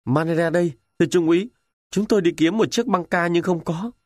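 A man voicing a dutiful young army driver who speaks to his officer in a hurried, respectful way. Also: sits high, a little mellow, no echo, clean studio sound, voice pushed up. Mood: concerned.

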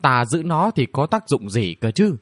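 A man's voice: mid-range voice, big pitch swings, normal speed, fairly bright tone, no room sound, clean studio sound. A man voicing a bratty, mischievous young girl princess who taunts and whines in a cheeky way. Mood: pleading. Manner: cheeky, whiny, provocative.

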